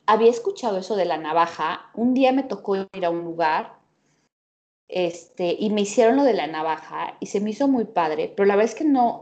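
A woman's voice: medium pitch, darkish tone. A woman in casual chat, enthusiastic and rambling. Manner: enthusiastic, rambling, many fillers.

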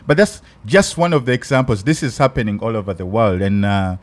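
A Ugandan man hosting a podcast in casual chat, thoughtful and halting, with many restarts. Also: lowish voice, expressive. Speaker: podcast host.

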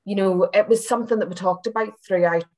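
A university senior lecturer from Belfast, Northern Ireland, is the guest in this casual reflective interview. Her Northern Irish accent rides a medium-pitched, steady, slightly mellow voice at a quick pace, and she's chatty, a touch hesitant, circling back with hedges.

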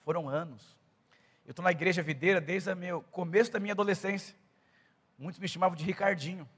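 A middle-aged male pastor preaching with a high, bright, ringing voice. He shifts from quiet storytelling into loud, fervent exhortation. The sound carries the long reverb of a church hall. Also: brisk, husky. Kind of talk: sermon.

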